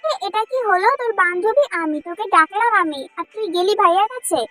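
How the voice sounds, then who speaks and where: A woman's voice: very high-pitched, brisk, sharp tone. A woman voicing a cheeky young brother who bickers with his friends.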